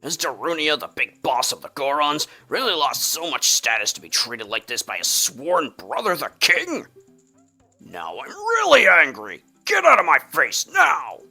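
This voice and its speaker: A man voicing a huge, furious male Goron chief while reading game dialogue aloud, shouting and indignant. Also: a little high, wildly swooping pitch, a little slow, vocal fry, breathy edge, soft background music, exaggerated voice. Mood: angry.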